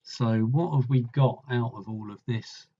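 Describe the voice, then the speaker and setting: A man's voice: mid-range voice, unhurried, warm tone, highs cut off. A man tutoring, thinking aloud as he works through a maths problem, musing and trailing off mid-sentence.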